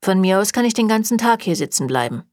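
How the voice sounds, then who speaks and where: A woman's voice: mid-range voice, big pitch swings, quick pace, darkish tone, no echo, studio quality. A woman reading a German audiobook, voicing a cocky, blunt young male demon hunter with a teasing way of talking.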